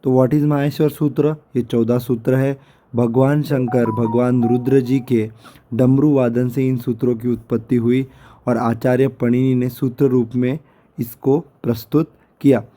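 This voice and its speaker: Hoarse male teacher for a recorded lecture, very dark mellow tone, slow and patient, drills each syllable. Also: mid-range voice, flat delivery, a little hiss or hum. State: hoarse, sore throat. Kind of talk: lecture over a screen recording.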